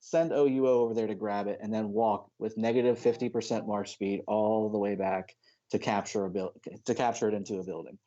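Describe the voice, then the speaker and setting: A man's voice: fairly low pitch, fairly even intonation, brisk, dark tone, muffled recording. A man casting an esports match with chatty, analytical commentary. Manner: chatty, analytical, laughs easily. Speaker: esports caster.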